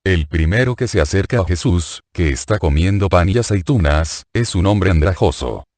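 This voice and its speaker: Deep-voiced man reading solemnly. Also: animated, darkish tone, no room sound. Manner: measured, solemn. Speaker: narrator. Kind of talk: audiobook reading of religious prose.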